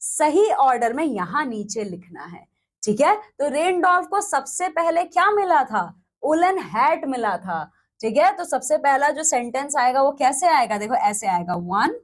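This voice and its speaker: A young woman teacher with an Indian accent explains a school English lesson. Her high voice swings up and down with lots of expression. She speaks slowly and keeps checking that her students are following. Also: big pitch swings. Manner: mixes Hindi and English, reads textbook sentences slowly, checks in with "theek hai".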